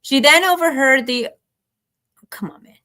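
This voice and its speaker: A woman reading a story on a casual talk show, pitched a little high. She stumbles over words and breaks off to make chatty side comments. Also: unhurried, bright, forceful tone. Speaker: show co-host reading news.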